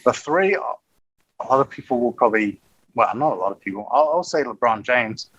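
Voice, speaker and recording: Podcast guest, male, broad Kiwi, husky voice, close dry sound, slangy and matey storyteller. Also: mid-range voice, animated, moderate pace, fairly bright tone, dry recording, muffled recording. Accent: broad New Zealand. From New Zealand. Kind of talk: casual chat, storytelling.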